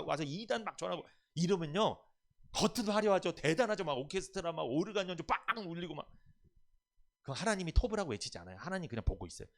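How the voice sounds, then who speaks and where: Guy pastor preaching, keeps asking the pews questions, voice a bit high and jumping all over. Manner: animated, asks the congregation questions and answers them. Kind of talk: sermon.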